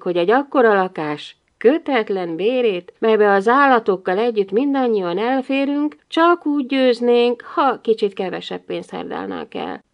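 A woman's voice: mid-range voice, lo-fi sound. Wry woman narrating an audiobook. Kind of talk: scripted narration of a humorous novel.

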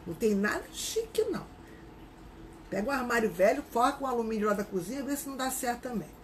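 A woman hosts a live craft class in a fast, sing-song, fairly high voice, keeping things chatty and greeting viewers by name. Her accent is from Rio de Janeiro, and the poor audio has slight background noise.

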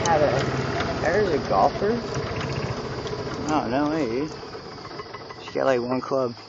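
A man vlogging playfully while driving a golf cart outdoors, goofy and excitable, with whoops and laughs. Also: medium pitch, slow pace. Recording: dull lo-fi sound with cart noise.

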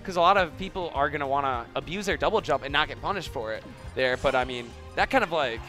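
Male esports caster, slightly high, talks fast, chatty analyst. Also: expressive, bright, forceful tone, faint music behind. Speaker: commentator. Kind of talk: live esports commentary.

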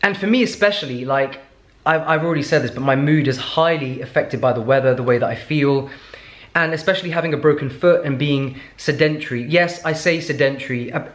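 A man's voice: a little high, a little fast, a bit bright. A man in his thirties with a British accent, chatting casually and self-mockingly to a handheld camera in his home kitchen and living room. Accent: British English. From United Kingdom. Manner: rambling, self-mocking, talks straight to camera. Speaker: vlogger. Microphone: handheld camera at arm's length. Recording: echoey room.

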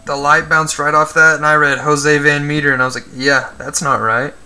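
A man's voice: a little high, flat delivery, normal speed, sharp tone. A man hosting a live stream, reading player names off cards as he opens them and chatting with viewers in between. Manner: reads names aloud, chats with viewers, jokes about yawning. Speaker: card break host. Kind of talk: live-stream commentary while opening cards.

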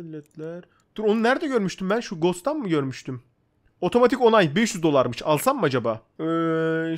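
A man casually commenting on his own gameplay, talking to himself and his viewers, often getting excited. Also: on the high side. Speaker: gaming YouTuber.

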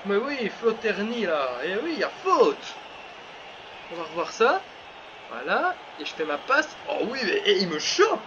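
A high, lively voice with big swings in pitch as a man calls his own football video game match, getting carried away with shouts and laughter, then talking himself back into focus. The sound is muffled and lo-fi, with a steady hiss of background noise underneath. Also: normal speed. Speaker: gaming channel host.

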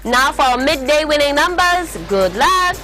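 A young woman presenting a scripted televised lottery draw, announcing numbers in a formal, measured way. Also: high-pitched, animated, sharp tone. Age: young adult. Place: TV studio. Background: faint music.

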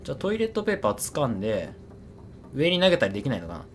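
A man's voice: medium pitch, wildly swooping pitch, rapid-fire, slight background noise. A man giving casual, chattery game commentary, repeating his words and poking fun at himself. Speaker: horror game streamer.

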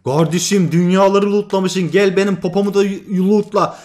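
Young male gaming host, very high voice, hyped trash-talk commentary over gameplay. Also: normal speed, soft background music. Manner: excitable, trash-talking, swings from loud to muttering.

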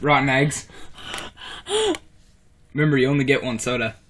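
Bright-voiced teenage boy, casual chat. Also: mid-range voice, steady tone, moderate pace. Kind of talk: casual chat during a candy challenge video. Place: wooden-floored room at home, indoors. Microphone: handheld phone or camera. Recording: noisy handheld home phone recording with clicks.

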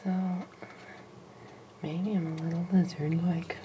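A young woman talks slowly and gently on a home camera, often dropping to a whisper and coaxing with a light giggle. Her voice sits a bit low for a woman. A steady hiss of background noise runs under the recording. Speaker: animal caretaker filming a pet lizard. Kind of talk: casual home video narration.

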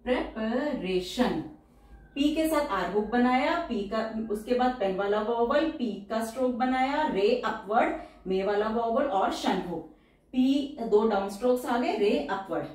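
A woman teaching shorthand, explaining each outline step by step and repeating every word slowly and carefully. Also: on the high side, animated, a little mellow, far from the mic. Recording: very echoey room, voice from off the mic.

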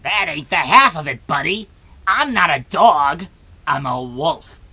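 A performer voicing a folksy, chatty talking animal in a cartoon comic dub, with a raspy voice. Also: medium pitch, big pitch swings, unhurried, pushed and bright, heavily acted. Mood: amiable, hungry. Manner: folksy, colloquial.

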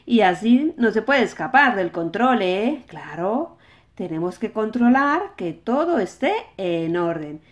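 A woman's voice: mid-range voice, sing-song, measured pace. A woman with a Spain accent voicing a friendly, bossy toy policeman for children, chatty and sing-song. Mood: chatty, proud. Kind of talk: toy play-acting for children.

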